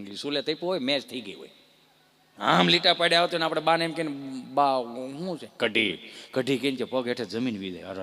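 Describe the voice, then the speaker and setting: Animated comedian, bright tense voice. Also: male voice, a little high. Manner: animated storytelling, rhetorical questions to the crowd. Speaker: stand-up comedian. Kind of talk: live stand-up comedy.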